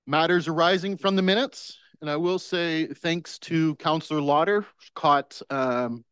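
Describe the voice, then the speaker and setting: A man with a slightly high voice chairs a council meeting in a brisk, polite, procedural way. He speaks into a desk microphone, and the sound is dry and close with little room echo. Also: clean tone. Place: council chamber.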